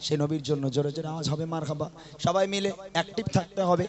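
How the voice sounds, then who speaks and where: A man leading a live devotional gathering from the stage microphone, chatting between songs and coaxing the audience to chant louder. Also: on the high side, very fast. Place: live outdoor or hall gathering at night with audience. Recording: live event with music behind. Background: music playing under the voice.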